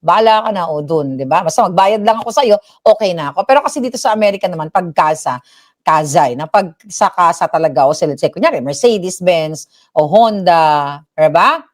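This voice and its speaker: Speaking briskly and expressively in a lowish voice, a middle-aged woman from the Philippines who now lives in the US hosts a chatty livestream. She tells stories in a Tagalog-English mix and performs the voices of the people she quotes.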